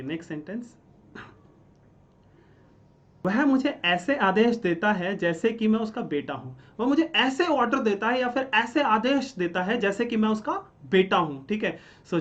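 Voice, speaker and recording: Male teacher explaining grammar at a board, drilling with quick self-answered questions; slightly muffled recording. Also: high-pitched, a bit bright. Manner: explains step by step, asks and answers his own questions; keeps checking in with "ठीक है?". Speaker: English teacher. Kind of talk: classroom-style grammar lesson.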